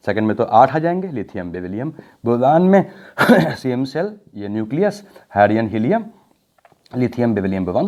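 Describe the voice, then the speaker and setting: Lively, mellow-voiced male chemistry teacher. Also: mid-range voice. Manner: talks the class through steps with rhetorical questions; mixes Hindi with English technical phrases, drawing out key words. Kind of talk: explaining at a board in a recorded lecture. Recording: dull lo-fi audio.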